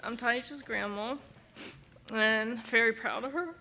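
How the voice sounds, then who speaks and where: An older woman, a graduate's grandmother, giving a slow, emotional graduation speech and holding back tears. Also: fairly high pitch, background noise.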